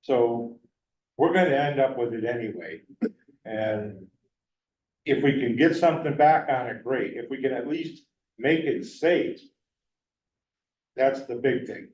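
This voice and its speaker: A man giving earnest, measured public comment at a town meeting, slowing down to stress his points. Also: mid-range voice, a little mellow. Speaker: resident speaking at public forum. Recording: roomy, distant, dull town hall recording.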